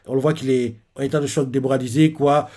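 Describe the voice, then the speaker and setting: A man's voice: medium pitch, fairly even intonation, fast talker, mellow. A man casually retelling a manga chapter as a reaction host, in a loose, filler-heavy way with many asides.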